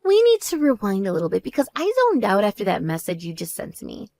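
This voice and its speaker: A woman's voice: medium pitch, wildly swooping pitch, fast, creaky, a little mellow, no echo, faint music behind, pitched below the performer's own voice. A woman voicing a spoiled, vain younger sister who boasts and taunts indignantly in a voiced story. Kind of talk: voiced text story dialogue.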